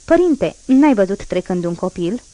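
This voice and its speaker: A woman's voice: medium pitch, sing-song, mellow, no echo, natural voice. A woman voicing a desperate, guilt-ridden middle-aged ex-convict man who pleads and questions urgently, in a storybook reading. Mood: pleading.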